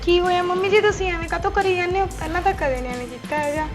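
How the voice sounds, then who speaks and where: An actress playing a worried young daughter-in-law with a Punjabi accent in a short film. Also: female voice, extremely high pitch, steady tone, very fast, music in the background. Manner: worried, questioning.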